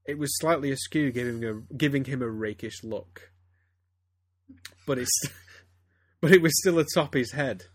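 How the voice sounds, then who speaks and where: A man's voice: mid-range voice, unhurried, husky, no echo. A man reading fan fiction aloud to friends, stumbling and breaking into laughter as he goes. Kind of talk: casual comedic reading aloud.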